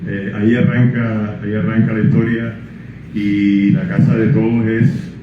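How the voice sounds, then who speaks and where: With a low, level tone, an older Colombian man presents his book, reading the prologue and then responding to questions, halting and full of fillers and restarts when he speaks freely. The background is noisy, and the echoey room is heard over a tinny lo-fi line.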